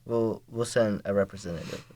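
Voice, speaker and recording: Laid-back low-voiced young man. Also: fairly even intonation, brisk, warm tone, dry recording. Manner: easygoing, laughs often. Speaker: podcast guest, college student. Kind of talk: casual podcast chat.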